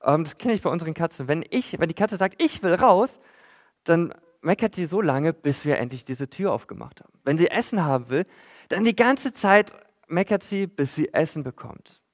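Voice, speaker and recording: A man's voice: fairly high pitch, lively intonation, a little fast. A man preaching a sermon in church, in a conversational way that addresses the listeners directly, with frequent fillers.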